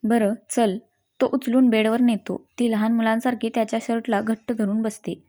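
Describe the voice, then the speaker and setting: A woman reading a family story aloud in a steady, simple manner. Her voice sits fairly high and sounds mellow and soft. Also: brisk. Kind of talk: scripted story narration.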